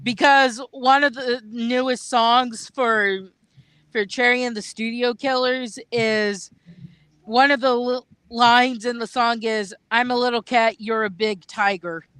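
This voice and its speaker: A man's voice: very high voice, fairly even intonation, slow pace, pushed and bright, smooth, no echo. A man in his thirties hosting a casual group chat livestream, rambling happily about music. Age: 30s. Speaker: livestream host.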